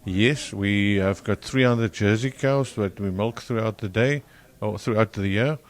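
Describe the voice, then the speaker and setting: A low-voiced man speaks with a broad South African accent. He is a farmer being interviewed, answering in a halting way and often restarting his phrases. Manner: halting, self-correcting.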